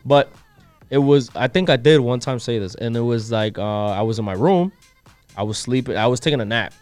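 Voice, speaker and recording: A young man on a podcast, casually telling an animated story in slang and switching into Spanish at times. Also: mid-range voice, brisk, faint music behind. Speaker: podcast co-host. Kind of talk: casual chat.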